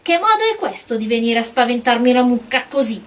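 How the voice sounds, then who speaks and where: A woman's voice: fairly high pitch, sing-song, fairly quick. A woman reading aloud and voicing an indignant, sulky young porcelain milkmaid in a storybook, scolding in an irritated manner.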